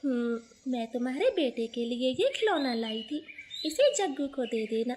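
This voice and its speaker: A woman voicing a gentle young female sparrow daughter-in-law in a storybook cartoon, speaking softly and patiently. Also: sits high, big pitch swings, normal speed, slight background noise. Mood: meek. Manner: soft, meek, patient.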